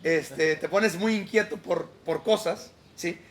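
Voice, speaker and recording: A man's voice: high voice, slow pace. A man with a Mexican Spanish accent preaching a devotional outdoors beside a lake, in a conversational style that keeps checking in with his listeners. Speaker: pastor.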